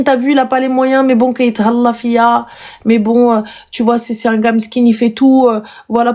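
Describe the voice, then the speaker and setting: A woman with a high voice hosting a casual live stream. She gives blunt advice in a mocking, animated way and fires off rhetorical questions.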